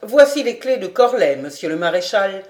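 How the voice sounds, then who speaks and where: Woman doing a proud young brigand lord, indignant and loud, echoey room. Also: mid-range voice, expressive, normal speed, lightly acted. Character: proud young male baron turned brigand, hot-tempered.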